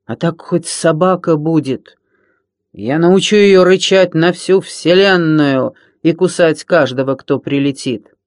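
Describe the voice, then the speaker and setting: A blustering hairy space pirate, male and loud, bragging and whining in a raised, pushy storybook voice, as a male narrator puts him on. He stretches some words out slowly for effect. The sound is dry and close. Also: a little high, no echo, lightly acted. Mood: whiny, blustering. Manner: loud, bragging, whiny threats.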